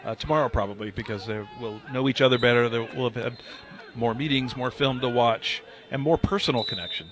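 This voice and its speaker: Hesitant, measured male sports commentator. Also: mid-range voice, fairly even intonation. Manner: measured, hesitant with fillers, jovial. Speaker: play-by-play commentator and coach.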